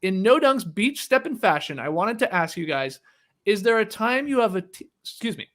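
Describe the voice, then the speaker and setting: A man's voice: high-pitched, sing-song, normal speed, fairly bright tone. A man hosting a podcast, reading a listener email aloud and then chatting casually with fillers. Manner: reads steadily, then chats with filler words.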